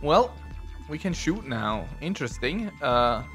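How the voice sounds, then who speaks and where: A man's voice: on the high side, big pitch swings, unhurried, a bit bright, soft background music. A man giving casual commentary on a first playthrough, rambling and self-deprecating as he reads on-screen text aloud. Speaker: let's play gamer.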